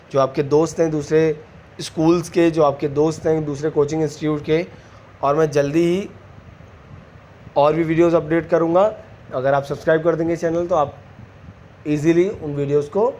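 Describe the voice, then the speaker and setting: A man's voice: a little high, darkish tone, slight background noise. Man teaching physics, checking in often. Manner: asks students quick check questions, calls them beta; mixes Hindi and English. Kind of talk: online physics lesson.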